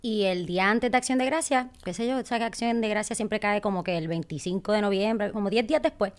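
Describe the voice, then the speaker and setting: A woman's voice: mid-range voice, fast talker, clear, resonant tone. A woman in her thirties from Puerto Rico with a Puerto Rican accent, a guest telling a story in casual chat and acting out what people said. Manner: animated, laughs often, acts out quotes.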